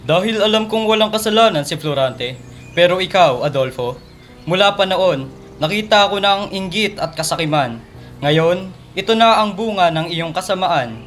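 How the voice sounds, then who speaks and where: A noble, wronged hero, played by a man in an old-fashioned radio drama. The voice is high for a man, declamatory and impassioned, with faint music underneath. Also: animated, moderate pace, a bit bright. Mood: indignant. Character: anguished, noble wronged warrior and his loyal defenders.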